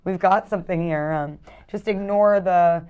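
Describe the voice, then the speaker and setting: A woman's voice: on the low side, moderate pace, narrow, tinny audio, a little hiss or hum. A woman actor talking casually in an interview, hesitant and full of fillers and restarts. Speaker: actress in a film interview.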